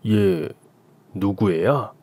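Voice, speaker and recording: A man voicing a stern young husband who speaks low, flat and blunt. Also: drawn-out words. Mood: cold.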